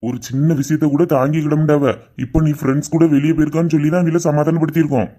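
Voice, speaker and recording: A man's voice: on the high side, little pitch movement, rapid-fire, mellow, close to an everyday voice. A man playing a firm, reassuring uncle. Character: steady uncle, calming and advising the family.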